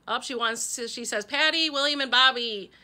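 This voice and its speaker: A woman's voice: fairly high pitch, normal speed, bright, forceful tone. A middle-aged woman from Wisconsin chatting casually as she opens fan mail, gushing and talking to her pet along the way. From Wisconsin, USA. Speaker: vlogger opening fan mail. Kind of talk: casual chat.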